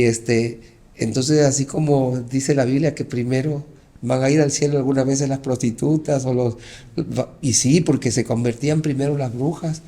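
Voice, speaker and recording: A middle-aged man with a mellow, warm voice recounts his testimony. He tells it with animated storytelling and acts out the lines of each exchange. He speaks at an everyday pitch for a man. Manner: animated storytelling, acting out dialogue. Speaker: pastor. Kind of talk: personal testimony in an interview.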